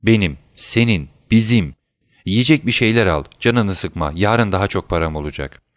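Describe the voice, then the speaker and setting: A man's voice: lowish voice, expressive, moderate pace, no room sound, clean studio sound, close to an everyday voice. A man reading aloud as a young sailor, earnest and emotional with his old father. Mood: eager. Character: young male sailor, eager and devoted son.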